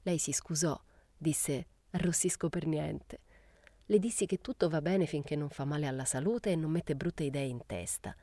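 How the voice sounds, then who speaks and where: Low, dark-voiced woman reading a novel. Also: dry recording. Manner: measured, unhurried reading. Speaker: audiobook reader. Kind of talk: literary audiobook narration.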